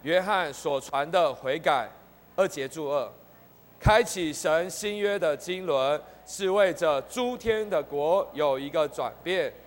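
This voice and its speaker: High-pitched guy leading a church bible study, keeps repeating stuff, echoey hall. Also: slow pace. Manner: earnest, repeats key points, calls the group to read along.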